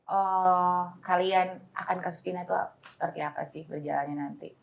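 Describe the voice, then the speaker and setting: A woman's voice: on the low side, fairly even intonation, moderate pace, creaky, highs cut off. A woman co-hosting a casual podcast, leading the questions and laughing easily. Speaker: podcast co-host.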